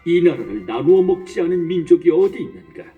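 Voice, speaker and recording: A man playing Mattathias, an old priest and father of sons, declaiming in a solemn voice over soft music, heard from a distance. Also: a little high, big pitch swings, a little fast, narrow, tinny audio. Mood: grieving lament.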